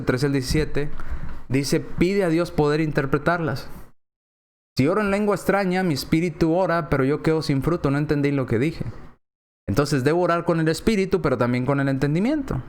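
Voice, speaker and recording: Animated Spanish-speaking preacher, higher voice. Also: male voice, fairly quick. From Spanish-speaking, lives in Texas. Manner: animated, acts out quoted voices with sharp pitch jumps; often adds tag questions. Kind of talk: sermon. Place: church.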